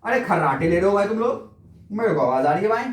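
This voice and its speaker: A man's voice: high-pitched, expressive, far from the mic. A man teaching a physics lecture who stretches out his words, repeats key terms and keeps quizzing his students with teasing questions. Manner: drawn-out repetitive explaining, teasing rhetorical questions to students. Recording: echoey room, voice a bit off-mic.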